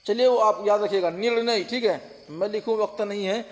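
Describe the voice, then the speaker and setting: At a moderate pace, the man speaks in a voice that sits high, with a big-room sound around it. He teaches Urdu-Hindi translation in an online exam-prep lesson, patiently restating terms and checking listeners understand.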